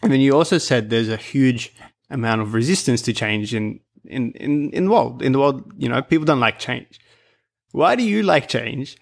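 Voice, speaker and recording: A man's voice: mid-range voice, creaky. Man hosting, thinking aloud as he goes. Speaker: podcast host. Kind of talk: casual interview.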